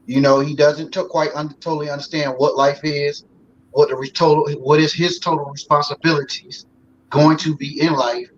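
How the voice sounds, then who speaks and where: A man's voice: a little high, level tone, moderate pace. A man in his forties, a guest on a talk show, talking in a loose, folksy way with lots of fillers. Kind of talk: casual talk show conversation. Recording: slightly dull sound with faint noise.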